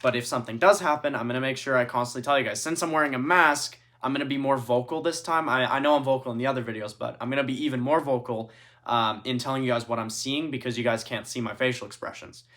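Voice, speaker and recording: A man's voice: mid-range voice, fairly even intonation, fast, fairly bright tone, distant mic. A man hosting a vlog, chatting casually and informally as he explains things, often saying "like" and "basically". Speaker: host of an experiment video series. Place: indoors, later in an echoey bathroom. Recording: roomy echo.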